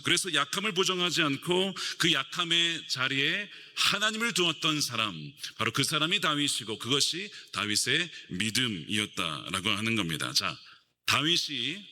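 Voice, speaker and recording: A man's voice: mid-range voice, sharp tone, in a large hall. A middle-aged man preaching a sermon as pastor, emphatic and asking rhetorical questions of the congregation in a church sanctuary.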